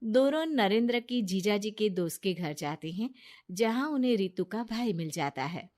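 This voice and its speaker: A woman's voice: mid-range voice, lively intonation, normal speed, darkish tone. A woman narrating a moral story in a plain storytelling manner. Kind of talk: scripted narration.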